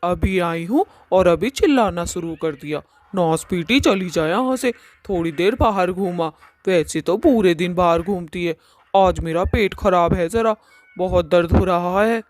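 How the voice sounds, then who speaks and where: A woman's voice: lowish voice, a little slow, darkish tone, a little hiss or hum, close to an everyday voice. A woman voicing a cranky, foul-mouthed mother witch in a cartoon, who scolds and curses. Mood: scolding. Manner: scolding, cursing insults.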